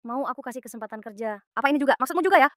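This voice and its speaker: A woman's voice: high voice, expressive, racing, no echo, studio quality. An actress dubbing a defiant young woman accountant who answers with biting, sarcastic retorts. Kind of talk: dubbed short drama.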